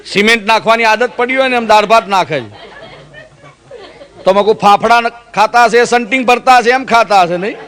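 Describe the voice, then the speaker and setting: A man's voice: sits high, brisk, a bit bright, some chatter behind. A man from Gujarat telling stand-up jokes, acting out the characters in his stories with mimicked voices. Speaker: comedian.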